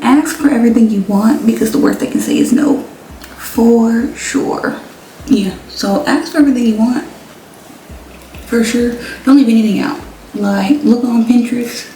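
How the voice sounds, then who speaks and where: A young woman talks to her viewers in a chatty, slangy way, her voice a little high and mellow rather than bright. She sits back from the mic in a roomy, echoing space. Faint clatter of dishes drifts in behind her. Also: slight background noise. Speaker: vlogger. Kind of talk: casual chat. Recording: echoey room, mic at a distance.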